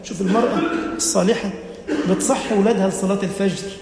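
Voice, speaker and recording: A man's voice: sits high, steady tone, fast talker, creaky, darkish tone, slight background noise. A man with an Egyptian accent preaching a sermon, telling a story dramatically and acting out its dialogue. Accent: Egyptian Arabic. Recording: echoey hall with long reverb.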